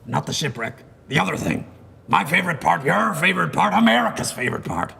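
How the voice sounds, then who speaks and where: A man's voice: on the high side, big pitch swings, a little fast, vocal fry, sharp tone, in a large hall, pitched below the performer's own voice, heavily acted. A man playing a boisterous pirate captain who growls and talks in pirate speech, hosting a children's show. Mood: hammy. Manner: growls "Arg", pirate talk.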